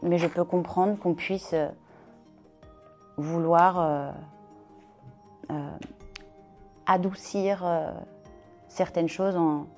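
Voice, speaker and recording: A woman from Belgium in a casual discussion, pausing often with fillers as she weighs her words. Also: on the low side, fairly even intonation, a little mellow, faint music behind. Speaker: discussion participant.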